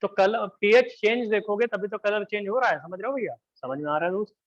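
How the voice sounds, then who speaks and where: A man teaches a live chemistry class in a fairly high voice. He keeps up a teasing, chatty patter and keeps asking whether the students follow. The classroom recording sounds muffled and lo-fi. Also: quick pace.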